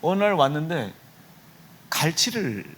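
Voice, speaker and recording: A man's voice: a little high, big pitch swings, measured pace, a bit bright. A middle-aged man from Chungcheong preaching a revival sermon in a church, joking and teasing members of the congregation by name. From Chungcheong, Korea. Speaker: pastor. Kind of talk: revival sermon with humorous anecdotes. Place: church sanctuary.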